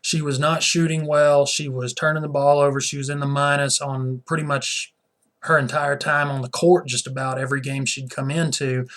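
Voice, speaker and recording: A man's voice: mid-range voice, level tone, normal speed, a bit bright. A man ranting indignantly in a vlog as a sports fan, often repeating his words. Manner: repeats words while talking.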